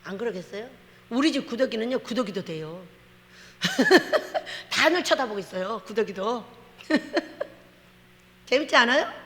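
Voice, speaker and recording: A woman pastor preaching a lively sermon, telling stories with laughter and acting out quotes in a church. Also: fairly high pitch, unhurried, long pauses. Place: church sanctuary. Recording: long hall reverb.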